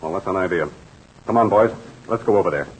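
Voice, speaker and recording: An actor playing a calm, commanding aviator captain in an old radio drama, brisk, courteous and authoritative. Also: male voice, breathy edge. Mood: brisk, concerned. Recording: noisy, rumbling old radio recording.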